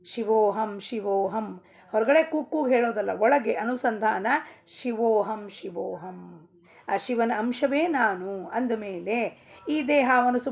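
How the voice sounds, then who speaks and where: Middle-aged woman giving a spiritual talk, kinda high and gravelly, keeps repeating lines and asking the crowd questions. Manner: emphatic preaching with repeated phrases and rhetorical questions. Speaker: spiritual teacher. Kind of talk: devotional discourse.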